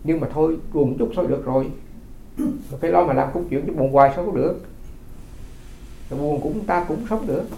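Vietnamese monk telling folksy stories. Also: male voice, a little high, fairly quick, vocal fry, pauses often, warm tone, reverberant, a little hiss or hum, poor audio. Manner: folksy storytelling, repeats words, chuckles. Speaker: Buddhist monk. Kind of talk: dharma talk.

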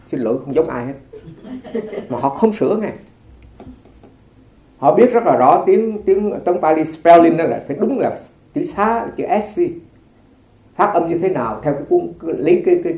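Telling stories with light laughter and many restarts, a monk delivers a casual dharma talk to his congregation. His voice is a little high, a little mellow, animated and fairly quick, and the room echoes.

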